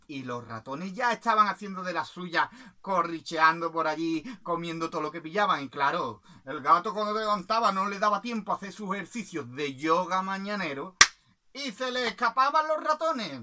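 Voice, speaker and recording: A man with a Spanish accent and a fairly high voice tells an animated children's story, playfully imitating animal sounds and laughing along.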